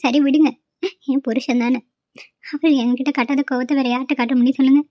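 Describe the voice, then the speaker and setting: Lady doing a weepy young daughter-in-law in a cartoon, high pleading voice, dry dull sound. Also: steady tone, quick pace, warm tone, dry recording, close to an everyday voice. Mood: sad. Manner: pleading, tearful.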